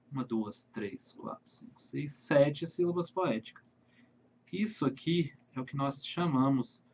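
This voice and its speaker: Friendly Brazilian literature teacher. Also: male voice, fairly high pitch, a little mellow, lo-fi sound, slight background noise. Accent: Brazilian Portuguese. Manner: friendly, addresses viewers directly, slows to read verses. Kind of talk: online video lesson.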